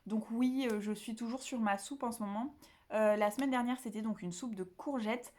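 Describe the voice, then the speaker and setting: A woman's voice: fairly high pitch, normal speed, a little mellow. A woman from the south of France chatting casually to camera about her books at home, rambling with many fillers and restarts. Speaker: book vlogger.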